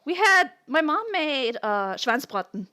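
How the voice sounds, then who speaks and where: A woman on a live stream chats and reads aloud, breaking into giggles and poking fun at herself. Her voice is fairly high and her pace slow and easygoing. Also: big pitch swings, sharp tone. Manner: giggly, self-mocking, laughs often. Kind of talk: casual live-stream chat, reading a story aloud.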